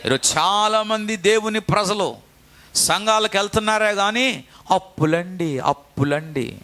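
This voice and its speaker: A bright, forceful male pastor delivering a sermon with a somewhat raised pitch. He presses his points through repetition and keeps calling on the congregation to answer aloud. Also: a little slow. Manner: preaching with call-and-response to the congregation.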